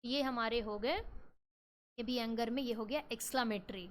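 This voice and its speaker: A woman with an Indian accent teaching English grammar in a lesson, reading examples out slowly and explaining them with rhetorical questions. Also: on the high side. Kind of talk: classroom lesson in Hindi and English.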